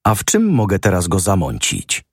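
A man's voice: low voice, wildly swooping pitch, normal speed, slightly rough, no echo, clean studio sound, heavily acted. A man voicing a defiant, fervent young male student in an audiobook reading, speaking boldly and stubbornly. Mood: wary. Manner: bold, stubborn, rising with passion.

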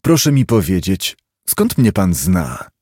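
A man reading an audiobook, voicing a pale, stunted, sinister man with a hoarse voice, curt and guarded. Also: sits low, wildly swooping pitch, slow, a little mellow, dry recording, clean studio sound, full character voice. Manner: curt, guarded, with flashes of anger. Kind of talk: audiobook character voice.

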